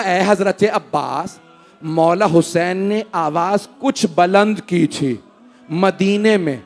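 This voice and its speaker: A man delivering a Muharram majlis sermon, swinging from loud wailing cries to hushed, sobbing recitation. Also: high-pitched, vocal fry. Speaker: religious orator reciting a majlis.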